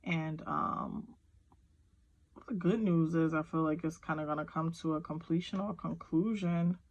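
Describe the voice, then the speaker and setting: A woman's voice: sits low, fairly even intonation, normal speed, a little mellow, lo-fi sound. A woman giving a casual tarot reading at home, rambling with lots of fillers and talking straight to the viewer. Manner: rambling, filler-heavy, talks to viewer directly. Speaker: tarot reader. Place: at home with kids nearby.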